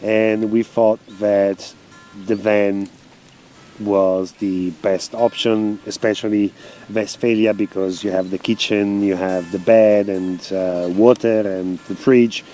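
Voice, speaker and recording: Slow, mellow Italian-accented man. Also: fairly low pitch, level tone, faint music behind. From Italy. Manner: halting, simple non-native English with many fillers. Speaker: interviewed traveler. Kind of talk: casual interview.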